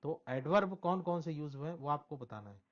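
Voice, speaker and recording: A man teaching English, reading each question slowly and then explaining it at an easy pace. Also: fairly high pitch, animated. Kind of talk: bilingual classroom explanation. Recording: dull lo-fi sound.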